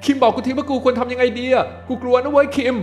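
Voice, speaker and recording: A terrified young man, as a male storyteller puts him on, lost alone in a haunted house and begging a friend for help. His voice jumps well above the narrator's own and comes out loud and frantic, the words rushed and pleading. Soft music sits underneath. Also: high voice, pitched above the performer's own voice, lightly acted. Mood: panicked.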